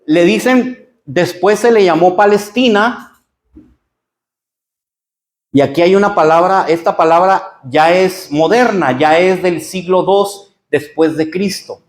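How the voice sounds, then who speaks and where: High-voiced Mexican pastor teaching Bible class. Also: male voice, roomy sound. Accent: Mexican Spanish. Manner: explanatory, addresses listeners as brothers. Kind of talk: church Bible lesson. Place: church hall.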